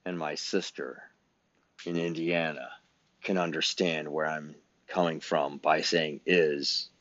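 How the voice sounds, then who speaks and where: Deep, slow-talking profane man. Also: fairly even intonation, fairly bright tone, no room sound. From Illinois, US Midwest. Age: 50s. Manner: blunt, profane, sarcastic. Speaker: podcast host. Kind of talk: ranting podcast monologue. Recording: dull, dry lo-fi recording.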